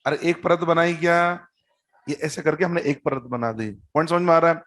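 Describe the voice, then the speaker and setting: A man's voice: a little high, steady tone, normal speed, a bit bright. A man teaching a chemistry class, explaining step by step, repeating key terms, quizzing students and adding teasing jokes. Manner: teasing, joking asides. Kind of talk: classroom-style lecture at a board.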